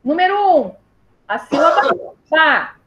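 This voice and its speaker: A primary school teacher from southern Brazil patiently leads young children through syllables in an online class, spelling them out slowly and calling her pupils "my love." Her high-pitched voice has big pitch swings and a fairly bright tone, and the recording is rough.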